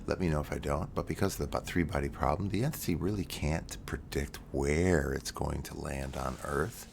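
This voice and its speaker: A man telling a rambling, soft-spoken sci-fi story on a live stream in a self-described ASMR style, often correcting himself and now and then getting loud. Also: very deep voice, gravelly, slight background noise. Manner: rambling, restarts and corrects himself, mostly quiet with loud bursts.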